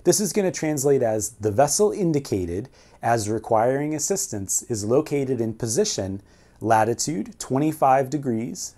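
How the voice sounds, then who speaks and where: A man in his forties teaches in a steady, methodical way, with a mellow, relaxed voice of middle pitch. He explains step by step and drops in a filler now and then. He is recorded from a short distance in an indoor room. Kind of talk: educational explainer video. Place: indoor room before a whiteboard and framed ship painting. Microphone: camera at medium distance.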